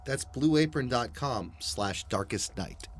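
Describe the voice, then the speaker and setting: A man's voice: medium pitch, lively intonation, unhurried, a little hiss or hum. A man co-hosting a podcast, giving a conversational ad read. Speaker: podcast co-host reading an ad.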